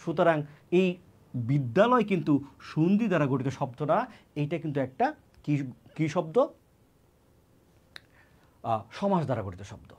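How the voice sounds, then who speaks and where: Man teaching a grammar lesson, fairly high voice. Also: big pitch swings, moderate pace, pauses often, a little mellow, husky. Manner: repeats key words and asks then answers his own questions. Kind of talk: exam-prep grammar lesson.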